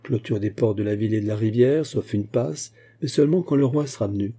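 A man reading aloud and voicing a shrewd, courteous musketeer captain who speaks with polite insistence and quiet irony. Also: lowish voice, a little fast, slightly rough. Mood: insistent.

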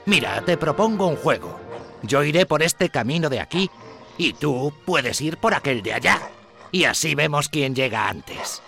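A man voicing a sly, hungry wolf who talks in a falsely sweet, slow, coaxing way in a storybook reading. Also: a little high, very animated, creaky, pushed and bright, faint music behind, pitched above the performer's own voice, full character voice. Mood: scheming, playful.

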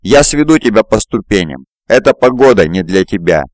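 A man voicing an earnest young swordsman lord in an audiobook, in a low voice. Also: sing-song, moderate pace, no echo. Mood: gentle.

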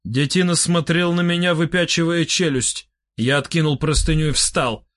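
A man narrating a first-person audiobook in an expressive, dry-humored manner. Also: a little high, normal speed, no echo.

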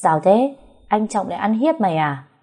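Woman as blunt best friend in a storybook, scolding, warm timbre. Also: mid-range voice, expressive, normal speed, slightly rough, voice pushed up. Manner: scolding, lecturing.

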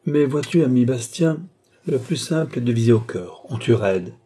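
A man's voice: medium pitch, expressive, moderate pace, warm tone, breathy edge. A man voicing a treacherous army captain who speaks coldly and mockingly, taunting his victim. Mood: cool menacing. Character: treacherous scheming Italian army captain, gloating.

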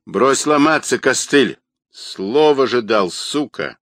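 A man's voice: medium pitch, animated, takes it slowly, fairly bright tone, dry recording, studio quality, pitched above the performer's own voice. A man reading aloud and voicing a pushy, crude drunk patient who calls at night and acts overly familiar. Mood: angry.

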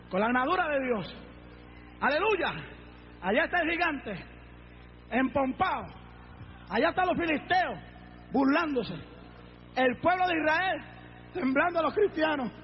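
A male pastor preaching a sermon, fervent and dramatic, often shouting praise. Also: very high-pitched, lively intonation, normal speed, long pauses. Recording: dull lo-fi recording with faint noise.

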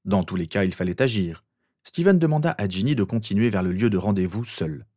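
A man narrating a fan fiction audiobook in a steady, measured way. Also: on the low side, dry recording, studio quality.

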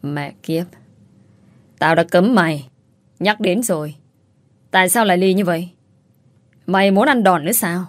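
A woman's voice: fairly low pitch, a little slow, long pauses, no echo, natural voice. A woman voicing an angry, threatening husband in an audio story. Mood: furious. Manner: threatening, shouting. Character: angry cheating husband, young adult man.

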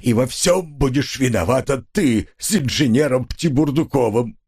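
A man voicing a self-pitying, melodramatic husband who whines through his nose in a drawn-out, declaiming way. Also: medium pitch, darkish tone, husky. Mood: wailing. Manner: drawn-out nasal whining, declaiming in verse. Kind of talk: audiobook character voice.

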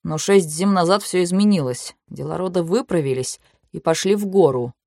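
A woman voicing a shrewd young man who questions calmly and pointedly in a storybook reading. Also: lowish voice, gravelly, no room sound, clean studio sound. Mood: insinuating. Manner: measured, coolly probing.

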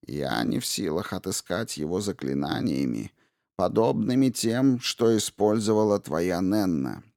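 A man voicing an old witch who was once a fairy queen, bitter and guarded, in a hushed, slow, menacing tone for an audiobook. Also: deep voice, expressive, creaky, no echo, studio quality, full character voice. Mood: weary. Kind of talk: audiobook character reading.

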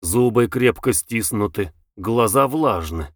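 A male audiobook narrator who reads at an unhurried pace with a lively, shifting pitch. He reads in a measured, expressive way. The sound is dry and close, with no room echo.

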